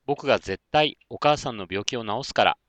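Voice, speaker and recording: A man's voice: medium pitch, lively intonation, moderate pace, fairly bright tone, dry recording, lightly acted. A man voicing a kind, eager young boy in a children's story.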